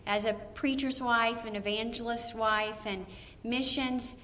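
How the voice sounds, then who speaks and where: A preacher's wife teaching a Bible lesson in a lively way, acting out the voices she quotes. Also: fairly high pitch, unhurried, slight background noise.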